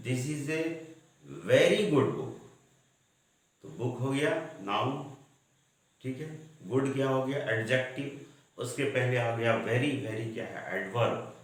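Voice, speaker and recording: Man as patient grammar teacher; slow delivery, heavy room echo. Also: medium pitch. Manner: slow, repeats checks like "ठीक है" often. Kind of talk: grammar lesson. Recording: very echoey room.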